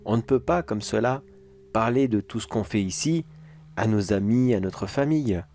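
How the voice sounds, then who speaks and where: A man's voice: on the low side, moderate pace, warm tone, a little hiss or hum, close to an everyday voice. A man playing a casual, self-assured security major in a horror audio drama, musing aloud and talking to himself. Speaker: security agent.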